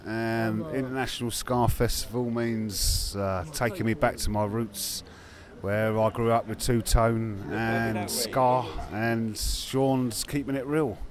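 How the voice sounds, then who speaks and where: Laid-back slow man. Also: fairly low pitch, steady tone. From London. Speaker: festival visitor. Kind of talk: vox pop interview. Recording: outdoor festival crowd.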